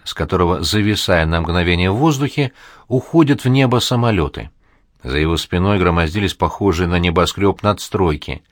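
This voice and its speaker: A man's voice: on the low side, dry recording, studio quality. Man narrating an audiobook.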